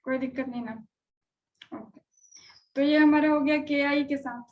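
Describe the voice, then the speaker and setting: A high-voiced woman teaches a chemistry lesson and keeps stopping to ask her students whether anything is unclear. The sound is dull and lo-fi. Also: fairly even intonation, a little slow. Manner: conversational, checks on students often. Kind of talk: live online class lecture.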